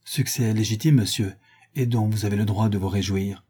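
Male reader voicing a poised young woman, devoted and teasing, lifted above a low husky voice. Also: steady tone, normal speed, mellow. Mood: polite.

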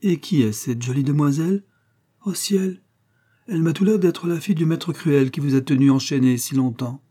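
A man's voice: a little high, moderate pace, dark tone, voice pushed up, lightly acted. A male reader voicing a vain, effusive middle-aged woman who has newly remarried, exclaiming piously and gushing over everyone.

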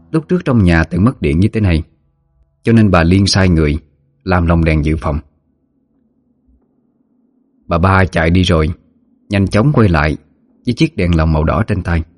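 A man narrating a ghost story in a steady, measured way. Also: low voice, no echo. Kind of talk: scripted horror story narration.

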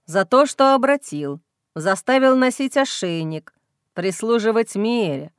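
A woman voicing a young male werewolf alpha, intense and tender, in a lowered, hushed voice for an audiobook. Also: expressive, unhurried, clear, resonant tone, no echo, studio quality. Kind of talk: audiobook reading.

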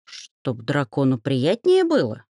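Woman doing a gruff young half-gnome guy, blunt, teasing, storybook friend. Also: very deep voice, wildly swooping pitch, takes it slowly, dark tone, no echo, studio quality, heavily acted. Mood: grumbling.

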